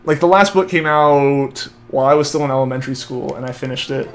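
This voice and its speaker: Talking fast at a medium pitch, a young adult man rambles through casual live-stream chat and reads viewer comments. His speech is heavy with fillers, especially "like." Faint music plays in the background, and a headset mic feeds back to his headphones.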